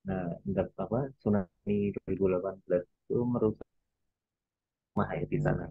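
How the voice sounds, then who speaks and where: A man's voice: on the low side, big pitch swings, a little fast, creaky, slightly rough, no room sound. A man explaining field research over a video call whose audio keeps breaking up and cutting out, speaking hesitantly with many fillers. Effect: choppy, cutting-out video call audio. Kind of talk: online discussion. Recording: tinny, dry video call line.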